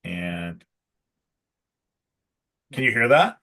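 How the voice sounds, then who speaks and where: Male host, lower voice, easygoing live-stream banter, salesy and filler-heavy. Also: big pitch swings, extremely slow, pushed and bright. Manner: chatty, salesy, many fillers. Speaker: pro shop host. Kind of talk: casual live stream chat.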